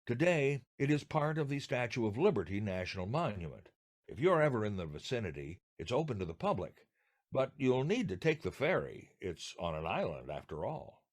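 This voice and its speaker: An older American man co-hosts a podcast, presenting scripted, radio-style material with theatrical, emphatic phrasing. His mid-range voice swings widely in pitch, and he speaks a little fast.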